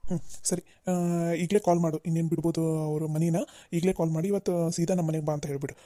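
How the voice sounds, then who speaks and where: A woman's voice: sits low, steady tone, quick pace, dark tone, dry recording, clean studio sound, close to an everyday voice. Woman voicing a scolding cartoon dad. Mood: instructing. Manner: scolding, advising. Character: stern but caring middle-aged father.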